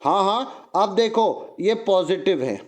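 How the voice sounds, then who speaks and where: A male teacher working through an exam paper, drilling students with quick repeated prompts. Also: high voice, lively intonation. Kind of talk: exam paper walkthrough lesson.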